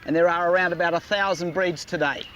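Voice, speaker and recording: Male wildlife presenter, easygoing, slightly high voice, faint outdoor noise. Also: steady tone, quick pace, fairly bright tone, dull audio. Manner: easygoing, talks to his dog. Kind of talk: presenting to camera.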